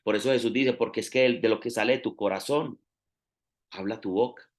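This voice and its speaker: A man's voice: fairly low pitch, a little fast. A man preaching a sermon, explaining step by step and stressing key phrases.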